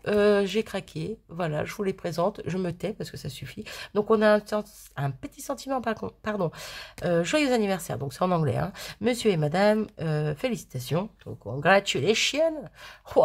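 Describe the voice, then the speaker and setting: A woman from France chatting casually to camera as a craft vlogger, rambling and gushing, often cutting herself off and giggling. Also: fairly low pitch. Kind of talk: casual chat.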